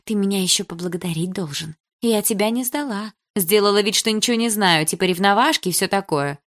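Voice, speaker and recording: A woman's voice: mid-range voice, brisk, a bit bright, pitched above the performer's own voice, lightly acted. A woman reading an audiobook, voicing a brash teenage girl who talks sharply and sneers. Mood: mocking. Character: brash mean teen girl, mocking.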